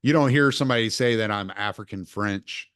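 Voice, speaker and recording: A man hosting a casual interview podcast, talking in an opinionated, lively way. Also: lowish voice, a little fast, clean tone, no echo, clean studio sound. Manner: opinionated, animated when quoting others. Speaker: podcast host. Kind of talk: casual conversation.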